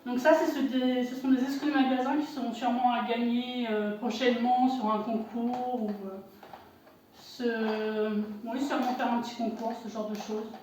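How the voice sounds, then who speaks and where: A woman's voice: on the high side, little pitch movement, moderate pace, a little mellow, a little hiss or hum. A woman presenting an unboxing for her shop in casual commentary, hesitant, with many fillers and self-corrections. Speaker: shop owner unboxing products. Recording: echoey room, voice far from the mic.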